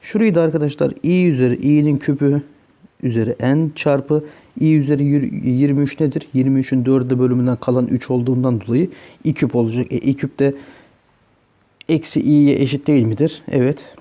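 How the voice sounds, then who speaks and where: Very dark-voiced male math teacher. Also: mid-range voice, fairly even intonation, fairly quick. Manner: talks through each step, asking "öyle değil mi arkadaşlar". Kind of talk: solving exam questions on a board.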